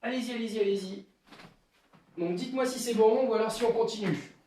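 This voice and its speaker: A man teaching a live online karate class, explaining moves and counting them out with sharp shouted cues. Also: high voice, fairly quick, recorded from a distance, slight background noise. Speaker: karate instructor. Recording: echoey room, voice away from mic.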